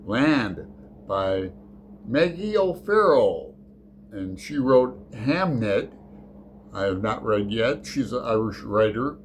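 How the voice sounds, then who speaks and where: A middle-aged man hosts a relaxed book vlog, rambling off on tangents with fillers and self-corrections. His fairly low voice moves slowly in a sing-song pattern, with slight background noise in the recording.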